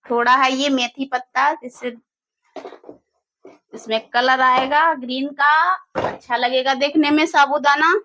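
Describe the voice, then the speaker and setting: A woman's voice: sits high, fairly even intonation, unhurried, long pauses, pushed and bright. A woman in her thirties narrating a casual cooking vlog from her home kitchen, chatty and scolding her children in between. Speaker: cooking vlogger and mother.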